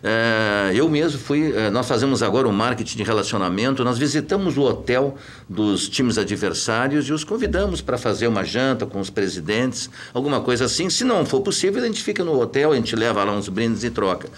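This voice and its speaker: Brief: man, club-director type, animated and emphatic, middle pitch. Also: fairly quick. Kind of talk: talk show debate.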